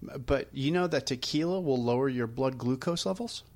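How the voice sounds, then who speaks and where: A man with a medium-pitched voice hosts a casual podcast. He is chatty and jokey, stretching out show-style announcements and sponsor reads in an informal, upbeat way. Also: moderate pace, darkish tone. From Arizona. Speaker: podcast host.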